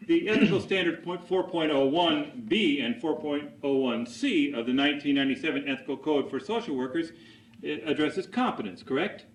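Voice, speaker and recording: A man's voice: a little high, a little fast, poor audio. Formal man cross-examining a witness. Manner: formal, methodical, ends statements with a clipped questioning "correct?". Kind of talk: cross examination, leading questions.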